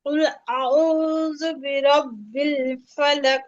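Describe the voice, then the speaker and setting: A woman student reciting the Quran carefully and haltingly in an online class. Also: high voice, fairly even intonation, highs cut off.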